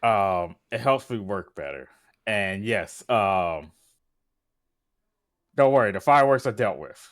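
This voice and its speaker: A man voicing a tipsy, good-natured engineer in a tabletop game, halting and full of fillers. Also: lowish voice, lively intonation, no echo, clean studio sound.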